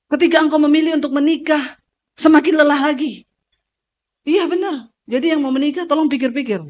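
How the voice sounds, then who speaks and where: A high-voiced woman pastor from Indonesia gives a sermon at a church service. She preaches in a lively, joking way and talks straight to her congregation. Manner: preaching with sung passages.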